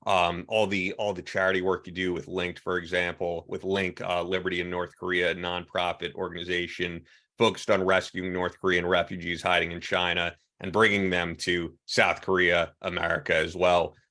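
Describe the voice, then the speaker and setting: Deep, bright-toned podcast host. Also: male voice, little pitch movement, moderate pace. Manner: enthusiastic, rambling introductions with fillers. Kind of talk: podcast interview.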